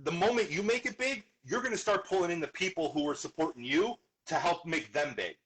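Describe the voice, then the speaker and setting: A man with a bright, animated voice that rises and falls, chatting as a guest chef over a video call. He is agreeable and quick to laugh. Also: fairly high pitch, rough recording. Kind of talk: casual interview chat.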